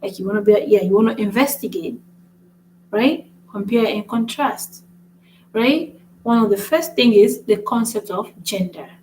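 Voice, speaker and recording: A woman's voice: mid-range voice, moderate pace, a little mellow, a little hiss or hum, rough recording. A woman teaching French in a casual video lesson, chatty and repetitive, often checking in with "right?". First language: English. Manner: chatty, repeats "right?" often, writes on a board.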